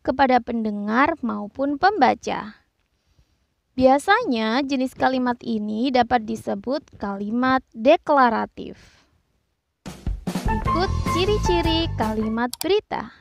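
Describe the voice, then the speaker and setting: A woman narrating a scripted grammar lesson, explaining slowly and carefully and reading out examples. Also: high voice, gravelly, dry recording, studio quality. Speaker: teacher.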